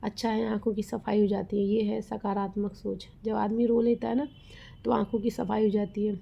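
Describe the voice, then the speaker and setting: A woman's voice: mid-range voice, level tone, normal speed, vocal fry, mellow, husky, muffled recording. A woman vlogger talking to her viewers in an earnest, rambling, heartfelt way, often calling them guys. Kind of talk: casual heartfelt vlog talk.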